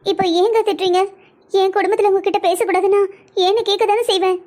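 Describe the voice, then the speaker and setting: A woman's voice: extremely high pitch, fairly even intonation, fast, a little mellow. A woman voicing family-drama cartoon characters with a pleading, emotional delivery. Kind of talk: Tamil cartoon voice acting.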